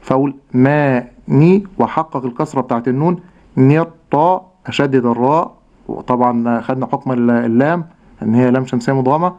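A man's voice: medium pitch, a little mellow. Patient Egyptian man teaching recitation. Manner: slow, patient, demonstrates sounds by drawing out words. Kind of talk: radio lesson on recitation. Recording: dull lo-fi radio recording.

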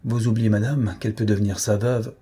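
A man's voice: lowish voice, fairly even intonation, a little fast, mellow, breathy edge. A man voicing an angry proud chevalier. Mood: indignant. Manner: agitated, curt and indignant. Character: proud, hot-tempered young chevalier, a man.

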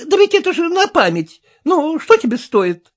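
A woman putting on a shrill, grasping widow-aged haggler. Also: sing-song, normal speed. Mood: haggling, insistent.

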